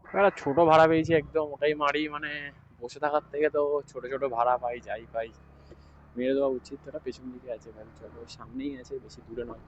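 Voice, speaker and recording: A man talks casually and quietly as he rides a scooter taxi through city streets, speaking into an action camera microphone. The audio is slightly dull and muffled. Faint traffic and wind noise sit behind his voice. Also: mid-range voice, steady tone, quick pace. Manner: talks quietly because his mic distorts. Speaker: bike taxi rider vlogging. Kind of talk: casual ride-along vlog chat. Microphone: action camera mic while riding.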